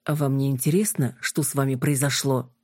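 A woman's voice: extremely low pitch, steady tone, a little fast, warm tone, no echo, clean studio sound. A woman reading an audiobook, voicing a blond male vampire who speaks in a strained, clipped way.

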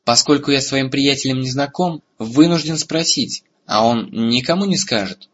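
Earnest young dragon rider, as a male narrator voices him, husky, lo-fi audiobook. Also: medium pitch, moderate pace, a bit bright, pitched above the performer's own voice, close to an everyday voice.

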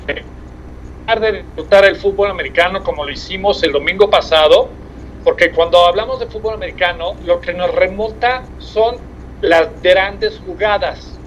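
Un comentarista deportivo con acento mexicano y voz aguda habla de deportes desde un coche en marcha, por un móvil con línea entrecortada y crujiente. Se expresa de forma pausada y vacilante, llenando el discurso de muletillas. La grabación es de baja calidad, con cortes en la llamada y un leve ruido de fondo.

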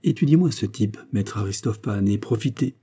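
A man's voice: lowish voice, expressive, moderate pace, mellow, slightly rough. D'Artagnan, a man voicing a bold teasing captain. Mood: coaxing.

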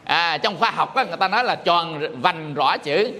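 A man's voice: on the high side, expressive, normal speed, bright, forceful tone. A man, a Buddhist monk giving an informal, joking dharma talk and chanting short phrases to show what he means.

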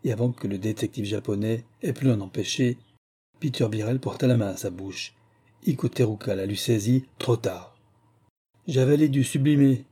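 A man reading a detective novel aloud as a narrator, in a steady, measured way. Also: fairly low pitch, slightly rough. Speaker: audiobook narrator. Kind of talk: scripted narration.

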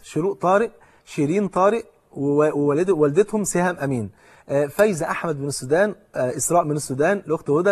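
A middle-aged Egyptian preacher with a husky, slightly high voice, rattling quickly through long lists of names before turning to exhortation. His delivery is rapid and fervent, in the manner of a religious lecture. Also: fairly bright tone. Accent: Egyptian Arabic.

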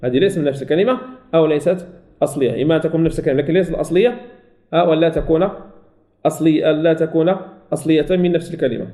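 High-voiced sheikh drilling recitation. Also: male voice, dark tone. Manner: explains step by step, asks and answers his own questions; repeats and drills example words slowly. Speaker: sheikh teaching Quran recitation rules. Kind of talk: recorded tajweed lesson.

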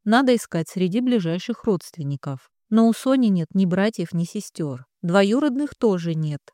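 A woman's voice: mid-range voice, animated, normal speed, dark tone, no room sound, lightly acted. A woman voicing a curt, grave woman doctor. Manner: curt, dry, clipped.

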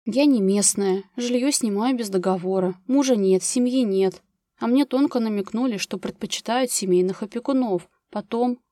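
An overworked, anxious young woman from an audiobook, voiced by the woman reading it, tense and quick to flare up. Her voice sits high and pressed. The recording is close and dry. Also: warm tone, no echo, lightly acted.

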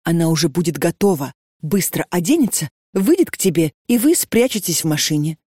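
A woman's voice: on the low side, animated, a little fast, dark tone, slightly rough, no room sound, studio quality. A woman reading an audiobook and voicing a distraught young woman who pleads frantically and breathlessly. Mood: pleading.

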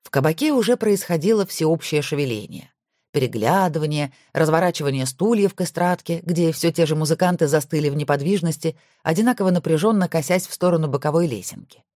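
Lady reading an audiobook, deep-ish voice, swoops around a lot, dead dry sound. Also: quick pace, dry recording. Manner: expressive storytelling. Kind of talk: audiobook narration.

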